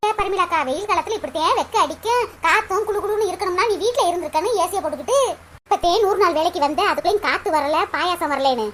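A performer voicing a sharp-tongued village woman in a cartoon, scornful and boastful. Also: very high voice, quick pace, slight background noise.

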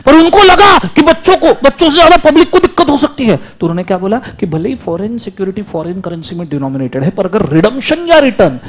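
Energetic man lecturing a class. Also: high voice, fast talker, hardly any pauses. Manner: energetic, prompts class to answer aloud. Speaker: law lecturer.

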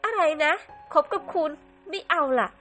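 Woman playing a bratty hot-tempered girl, shrill and indignant, music faint behind. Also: big pitch swings, moderate pace, sharp tone, full character voice. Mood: scornful. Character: spoiled young woman, hot-tempered and sharp-tongued.

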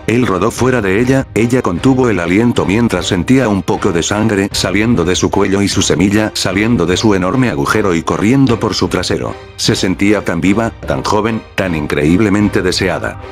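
A man narrating a fan-fiction story in a flat, even reading with no fillers. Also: lowish voice. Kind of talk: scripted narration. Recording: faint background music.

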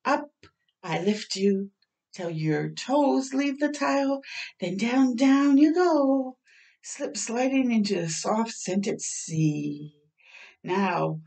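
A gravelly, darkish mid-range voice belongs to a middle-aged woman hosting storytime for kids, expressively reading a picture book with asides and drawn-out words. The setting is a small bathroom at home, indoors, picked up by a somewhat distant microphone.

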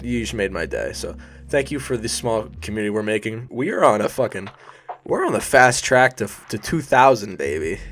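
The voice is a young man's, sitting on the low side and a bit bright, but stuffy and sniffly with allergies. Working in a hot bedroom, he voices over a YouTube design tutorial in a loose, rambling way, knocking himself and cursing occasionally.

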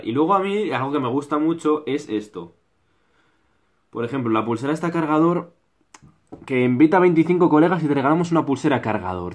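A young man with a Spain Spanish accent, ranting to camera in his bedroom in a blunt, mocking vlog style full of swearing. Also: mid-range voice. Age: young adult. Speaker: YouTuber. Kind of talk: casual critical rant to camera. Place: small bedroom indoors.

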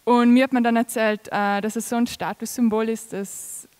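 A woman's voice: a little high, steady tone, normal speed, darkish tone, smooth. A woman giving a casual conference talk about her illustrations, with many fillers. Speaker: speaker presenting her illustrations. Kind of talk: conference presentation.

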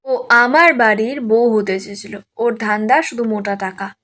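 A woman's voice: a little high, steady tone, normal speed, fairly bright tone. A woman quoting a blustering rich bully. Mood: arrogant. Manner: blustering and contemptuous. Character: arrogant, bullying rich older man.

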